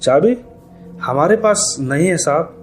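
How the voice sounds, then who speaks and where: A man's voice: a little high, lively intonation, unhurried, soft background music, pitched above the performer's own voice. A man voicing a blunt male parking attendant with rustic, drawling retorts. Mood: dismissive.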